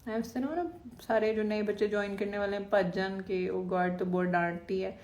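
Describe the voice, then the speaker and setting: Woman team leader on a live stream, lively and bossy-in-fun, mid-pitched voice in a reverberant room. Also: moderate pace. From Pakistan, Lahore. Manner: expressive, teasing and playfully scolding, mixing English in. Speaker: business team manager hosting a live stream. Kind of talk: casual live-stream talk, reading comments.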